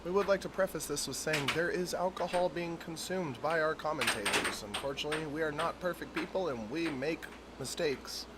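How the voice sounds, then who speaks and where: A man's voice: a little high, a little fast. A man giving casual, joking live sports commentary with tongue-in-cheek banter. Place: indoor venue during a live match. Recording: noisy room, clicks and door sounds.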